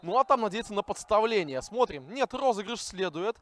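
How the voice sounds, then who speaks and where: A man giving live football commentary alongside a co-commentator, excitable and rising to shouts when attacks build. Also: high voice, fairly quick.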